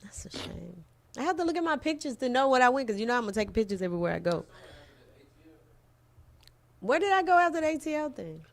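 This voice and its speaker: A woman's voice: on the high side, big pitch swings, quick pace, vocal fry, long pauses. A woman co-hosting a TV talk show in a studio, chatting casually in a playful, teasing way with slangy phrasing. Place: TV studio with event flyers on the wall.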